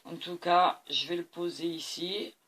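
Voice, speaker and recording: Woman, painting tutorial host, slow unhurried talk, bright tone, tired, enthusiastic. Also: on the low side, fairly even intonation. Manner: enthusiastic, keeps praising the colors. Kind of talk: art demonstration talk to camera.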